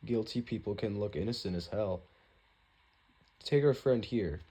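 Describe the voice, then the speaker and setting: Wry, teasing young woman paralegal, read by a young man in his own low voice. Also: measured pace, mellow, slightly rough. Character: sassy young woman law student paralegal.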